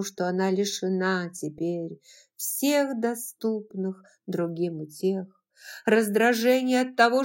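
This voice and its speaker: A woman narrating a novel as an audiobook in a measured, expressive reading. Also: medium pitch.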